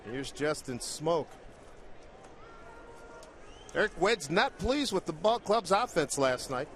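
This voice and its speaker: A man calls a baseball game play-by-play in a brisk, lively voice that sits a little high. The crowd and stadium noise come through clearly behind him. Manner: brisk, excited on big plays. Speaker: play-by-play announcer.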